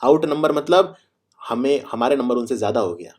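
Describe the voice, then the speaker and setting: A man teaching vocabulary. He explains each word through everyday examples, repeats key phrases, and reads the example sentences slowly and deliberately. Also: mid-range voice, animated. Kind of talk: Hindi-English vocabulary lesson.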